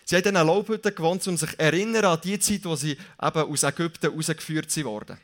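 A young man with a Swiss German accent preaching a casual, lively sermon, joking and correcting himself as he goes. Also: a little high, quick pace.

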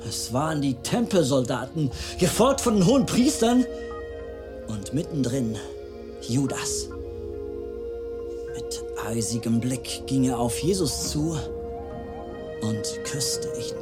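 A man's voice: medium pitch, animated, slow, pauses often. A man playing a remorseful disciple James over music. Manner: solemn storytelling voice with sudden loud outbursts. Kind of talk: dramatized biblical narration. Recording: music playing clearly behind.

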